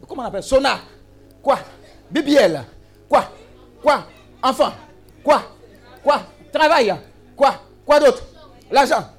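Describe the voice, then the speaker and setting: A male preacher with a strikingly high voice that leaps around, shouting, teasing and calling on the congregation to answer. He preaches over a faint bed of music. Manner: exclamatory, call-and-response with the congregation; humorous asides and teasing. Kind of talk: sermon.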